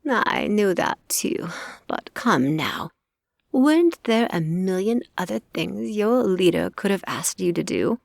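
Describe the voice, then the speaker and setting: A woman voicing a sly, cruel old witch in an audiobook who speaks in a measured, mocking tone. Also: medium pitch, sing-song, creaky, no room sound, clean studio sound, full character voice.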